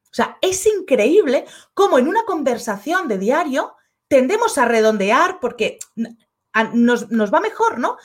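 This online course creator and live-stream host, a woman with a Spain Spanish accent, speaks in a high, very animated voice that runs a little slow. She chats casually, reads out comments from viewers, and performs short everyday dialogues.

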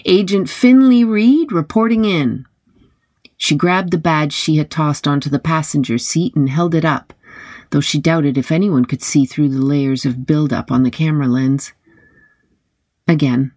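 Gravelly narrator, dry close mic, wry gritty read of a detective novel. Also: mid-range voice, darkish tone, no echo. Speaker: audiobook narrator.

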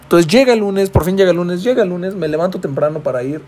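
A man's voice: high-pitched, quick pace, a little mellow. Slangy young Mexican man telling a story. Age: about 20. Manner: slangy and profane, peppers every line with güey. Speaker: podcast host. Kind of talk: comic storytelling monologue.

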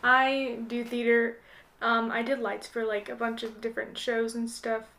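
A young American woman in her late teens chats casually as a podcast guest, hesitant and rambling, with lots of "like." Her voice is on the high side, creaky and sharp, with a level tone at normal speed.

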